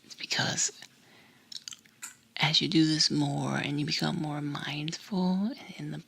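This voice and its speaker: A woman whispers an ASMR bedtime talk close to the ear. Her hushed voice is very breathy and low, with a creaky edge. She takes her time, gentle and soothing throughout. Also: steady tone, slow. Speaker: ASMR creator and host.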